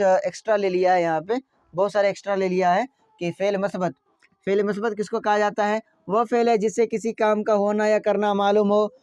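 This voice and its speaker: A man's voice: high voice, darkish tone, clean tone, no room sound. A man teaching a grammar class, repeating each point and quizzing his listeners with questions. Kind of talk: classroom lesson explaining grammar. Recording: dry, dull lo-fi sound.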